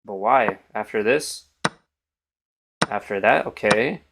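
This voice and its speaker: Low-voiced tired young man streaming chess. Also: takes it slowly, vocal fry, very noisy. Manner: mumbling, thinking aloud, trailing off. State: tired, morning voice. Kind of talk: casual live-stream commentary.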